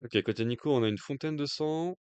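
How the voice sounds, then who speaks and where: A man's voice: fairly high pitch, brisk, darkish tone, smooth, no room sound. A man with a French accent giving casual live commentary on a card game match, thinking aloud with hesitant fillers. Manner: jokey aside in accented English. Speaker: stream commentator.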